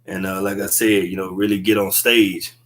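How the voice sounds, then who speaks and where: A man's voice: low voice, level tone, normal speed. A man, a guest comedian talking in a laid-back, slangy way over a webcam video call from an indoor room. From Texas. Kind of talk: casual interview chat.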